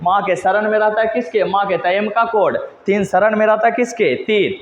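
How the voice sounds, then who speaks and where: A man's voice: high voice, moderate pace, slight background noise. A male teacher, teaching geography by mnemonics, asking questions and answering them himself in repetitive call-and-response. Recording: echoey hall, dull lo-fi sound.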